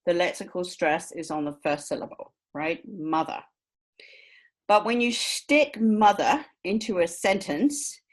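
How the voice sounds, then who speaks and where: Woman lecturer explaining with steady patience. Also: fairly low pitch. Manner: explanatory, checks understanding with frequent "right?". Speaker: university lecturer. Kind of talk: recorded lecture.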